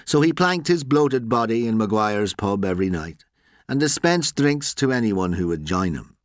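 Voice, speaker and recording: A man narrates a story with a low voice that rises and falls a lot. He reads in a measured, expressive way, and the recording is dry and close, with no room sound. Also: no echo. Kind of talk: scripted story reading.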